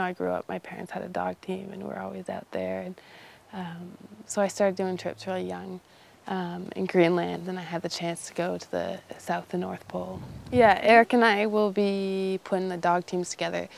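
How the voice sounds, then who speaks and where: Low, creaky young Canadian woman. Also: slight background noise. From Iqaluit, Nunavut, northern Canada. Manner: informal, loose phrasing with frequent "you know". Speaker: interviewee, young polar expedition member. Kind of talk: casual unscripted interview.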